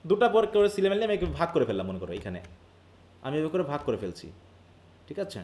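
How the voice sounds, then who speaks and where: A man from Bangladesh teaches a live online class in a high, lively voice. He explains each point step by step, slips English terms into his talk and keeps asking his students questions. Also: very fast.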